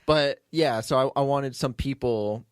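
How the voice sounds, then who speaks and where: A man hosts a casual behind-the-scenes podcast about his audio drama, which he both writes and produces, rambling and joking in a self-deprecating way. His voice is medium-pitched, clean, and unhurried. The recording is dry and studio quality.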